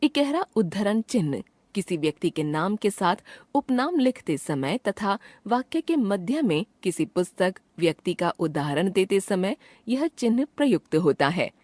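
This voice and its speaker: A woman reads a scripted grammar lesson in a precise, measured way. Her pitch moves a lot from phrase to phrase, which makes the reading sound lively. The sound is close and dry, with no room around it. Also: dry recording. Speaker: grammar teacher narrating a lesson.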